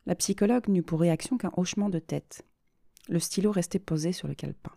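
A woman reads a story aloud in a steady, expressive way, her voice low and warm. The recording is close and dry, with no room sound. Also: a little fast, creaky, no room sound. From France. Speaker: podcast host and reader. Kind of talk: storybook narration.

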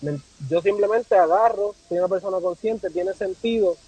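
A podcast guest from Puerto Rico who creates travel content speaks in a Puerto Rican accent during a casual conversational interview, reflective and repeating phrases for emphasis. His voice is high and mellow with a breathy edge, at a moderate pace, and the audio quality is poor.

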